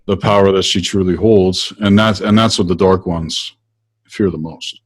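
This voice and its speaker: Man, very low voice, blunt casual chat guest. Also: fairly even intonation, moderate pace. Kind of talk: conversational podcast chat.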